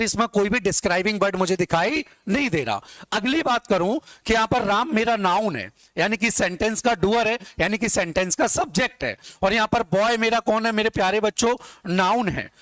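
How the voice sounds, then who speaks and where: A man teaching English grammar in Hindi, asking questions and answering them himself, and dictating example sentences slowly word by word. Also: high-pitched, fairly bright tone, no echo. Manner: repetitive call-and-response questioning, addressing students as dear children. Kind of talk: classroom grammar lesson in Hindi.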